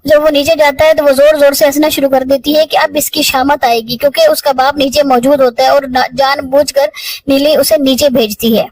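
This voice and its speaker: High-voiced woman recapping a drama. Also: fairly even intonation, darkish tone, no room sound, rough recording. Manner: retells scenes in plain storytelling tone with small restarts. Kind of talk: casual spoken plot recap.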